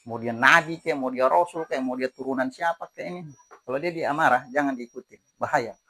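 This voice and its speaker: A man's voice: medium pitch, creaky. A man preaching a religious sermon, emphatic and repetitive, mixing colloquial slang with recited verses. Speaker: Islamic preacher.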